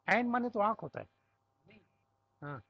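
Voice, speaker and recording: A man's voice: high-pitched, expressive, vocal fry, muffled recording. A man with a Pakistani Urdu accent teaching Arabic grammar, explaining step by step and checking with the class. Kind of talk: classroom lesson.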